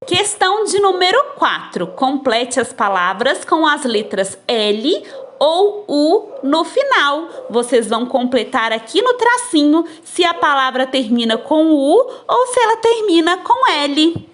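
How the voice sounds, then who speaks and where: Slow, patient teacher woman, high lively voice. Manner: slow, patient, drawn-out explaining to children. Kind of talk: recorded lesson explaining textbook exercises. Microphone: phone recording.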